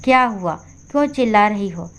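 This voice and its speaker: A woman's voice: mid-range voice, animated, normal speed, close to an everyday voice. Woman doing an irritable grown son. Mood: tired. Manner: curt and irritated. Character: tired, short-tempered grown son.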